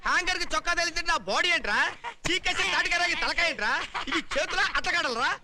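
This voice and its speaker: An actor playing a bossy, blustering young man who mocks clumsy recruits with rapid-fire scolding and insults, in a 1990s film comedy. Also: very high-pitched, expressive, very noisy. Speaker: comic lead in a film.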